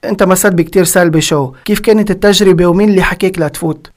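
This man hosts an interview in a Lebanese Levantine Arabic accent. His voice sits high for a man. He speaks extremely fast, in an informal, conversational way. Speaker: interview host. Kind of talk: casual interview questioning.

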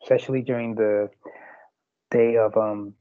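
A man with an Irish accent, a podcast guest speaking haltingly with many fillers in a casual theological discussion over an internet call. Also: fairly low pitch, level tone, dry recording. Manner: halting, frequent fillers and restarts. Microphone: video call. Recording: tinny internet call line.

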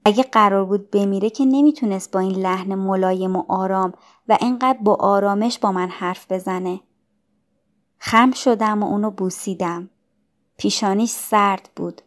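A woman's voice: medium pitch, fairly even intonation. Woman reading a story aloud. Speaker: narrator. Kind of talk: scripted audiobook narration.

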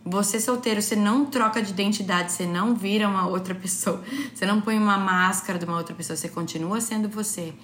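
Animated woman chatting in a roomy kitchen. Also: medium pitch, fast, hardly any pauses. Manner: animated, playful storytelling. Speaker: podcast co-host. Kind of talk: casual advice chat. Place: kitchen table at home. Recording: roomy kitchen with faint ambience.

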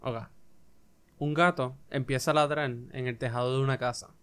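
A man's voice: mid-range voice, fairly even intonation, moderate pace, fairly bright tone, clear, resonant tone. A man co-hosting a podcast, teasing and telling short jokes in casual chat. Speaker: podcast co-host.

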